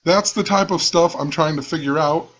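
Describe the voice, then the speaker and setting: A channel host with a rough, fairly high voice gives casual screen-share commentary at a normal speed. He muses and rambles, circling back to the same points as he thinks aloud. The recording has a dull, lo-fi sound.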